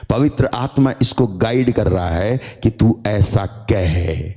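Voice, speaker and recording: A male pastor delivers a sermon at an unhurried pace, stacking phrase on phrase for emphasis. His voice is warm and dark, never sharp. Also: fairly low pitch, animated, in a large hall. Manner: emphatic, repetitive preaching.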